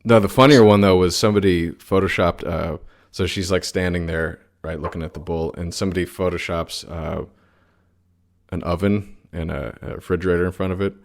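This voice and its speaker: A man's voice: sits low, steady tone, fairly quick, vocal fry. A man co-hosting a podcast, chatting bluntly and at length about the year's news, swearing now and then. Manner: blunt, rambling, swears casually. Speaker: podcast co-host. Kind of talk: casual political chat.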